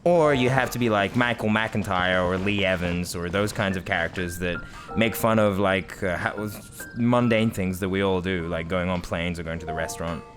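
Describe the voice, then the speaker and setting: A man's voice: low voice, moderate pace. Rambling man chatting over game music. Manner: rambling, laughing, self-correcting. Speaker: let's play host. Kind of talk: casual gameplay commentary. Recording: game music playing behind.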